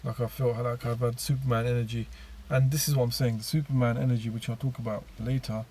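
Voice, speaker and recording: Guy just talking through his story, casual, lots of ums and restarts, middle pitch. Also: level tone, fast, dark tone, slight background noise. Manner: rambling, many restarts and fillers. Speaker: vlogger telling his own story. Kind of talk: casual personal monologue.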